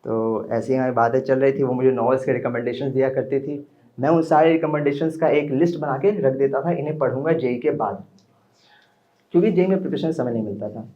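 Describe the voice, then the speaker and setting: The audio is dull as a young man, speaking at medium pitch and a little fast, tells a personal story on stage. The setting is a small indoor open mic venue, and between parts of this live storytelling performance he chats with the audience.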